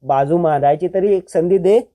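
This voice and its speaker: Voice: mid-range voice, moderate pace, mellow, close to an everyday voice. A storyteller voicing a scheming man in a family drama, who talks in a coaxing, bossy way.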